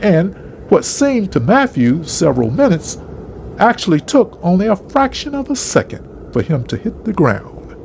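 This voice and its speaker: A man reading a story aloud in an expressive, dramatic narration style. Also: high-pitched, moderate pace, gravelly, background noise.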